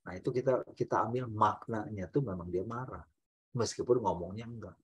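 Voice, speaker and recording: A man's voice: fairly low pitch, brisk, slightly rough, muffled recording. A man with an Indonesian accent giving a teaching talk on family conflict over a video call, acting out quoted arguments in a raised voice. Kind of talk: prayer-meeting teaching talk.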